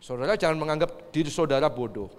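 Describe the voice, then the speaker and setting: A male pastor preaching a sermon to his congregation, calling out to them again and again and swinging between loud emphatic bursts and soft low asides. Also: expressive, fast talker. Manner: repeatedly addresses the congregation as "saudaraku". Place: church. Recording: long reverb of a church hall.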